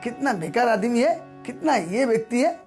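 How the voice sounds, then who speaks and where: A man's voice: extremely high pitch, animated, normal speed, darkish tone, soft background music, pitched above the performer's own voice. A man voicing an angry, scornful temple priest who scolds. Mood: furious.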